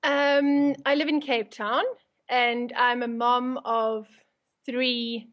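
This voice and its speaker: A woman's voice: fairly high pitch, fairly bright tone. A woman with a South African accent, chatting casually as an interview guest.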